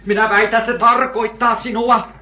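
A man's voice: extremely high pitch, level tone, sharp tone. An older man preaching a sermon, emphatic, asking questions and answering them himself, repeating key phrases.

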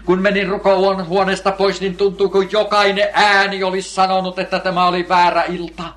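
A man's voice: high-pitched, flat delivery, a bit bright. An older man preaching a sermon, emphatic, asking questions and answering them himself, repeating key phrases.

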